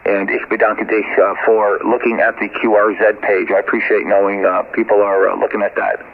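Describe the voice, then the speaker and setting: A man's voice: fairly low pitch, little pitch movement, brisk, creaky. A man working as an amateur radio operator, making a ham radio call and spelling call signs in the phonetic alphabet with many fillers. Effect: shortwave radio transmission. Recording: tinny radio band with faint static.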